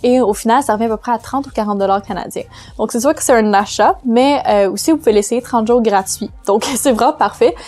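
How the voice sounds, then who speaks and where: A woman with a Quebec French accent talks through her writing tips in a relaxed vlog. Her voice sits a little high, and she explains loosely, pausing often to find her words. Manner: chatty, explains loosely with many hesitations. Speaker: vlogger giving writing tips. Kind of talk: casual tutorial vlog.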